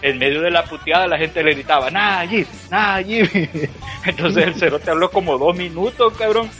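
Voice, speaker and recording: A man's voice: a little high, brisk, soft background music. A man with a Salvadoran accent, co-hosting a podcast in crude, laughing casual banter. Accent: Salvadoran Spanish. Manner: profane, laughing, animated storytelling. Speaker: podcast co-host.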